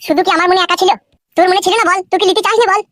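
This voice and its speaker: A woman's voice: extremely high pitch, steady tone, fairly bright tone, dry recording, clean studio sound. A woman voicing a poor young village husband who argues and pleads in a comic cartoon. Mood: accusing. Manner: rapid, pleading and quarrelsome. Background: light music.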